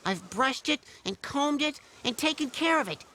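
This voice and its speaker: A woman's voice: high-pitched, lively intonation, normal speed, bright, forceful tone. A woman doing a stubborn little creature boy. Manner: pleading, stubborn. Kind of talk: radio play acting.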